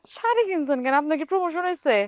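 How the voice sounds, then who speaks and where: Casting note: fiery village wife, very high and lively, scolding, music beneath. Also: female voice, fast, no room sound. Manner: mocking, scolding.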